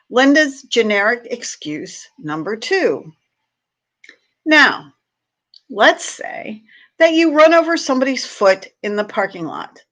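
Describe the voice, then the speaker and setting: A woman on library staff hosts a read-aloud, performing a humorous short piece expressively with playful, theatrical emphasis. Her voice is a little high, with a fairly bright tone.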